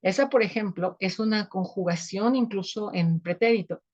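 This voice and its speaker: Mexican woman teacher, steady explaining. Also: mid-range voice, normal speed, lo-fi sound. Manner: explanatory, constant tag questions to the student. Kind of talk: online sociolinguistics lecture.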